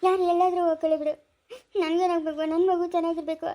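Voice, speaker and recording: A desperate young mother, voiced by a woman, speaks quickly in a very high, childlike register. She is emotional and insistent, fighting for her baby in a family cartoon. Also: level tone, heavy background noise. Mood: tearful. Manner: pleading, tearful, then threatening. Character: anxious young mother fiercely protecting baby. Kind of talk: cartoon voice acting.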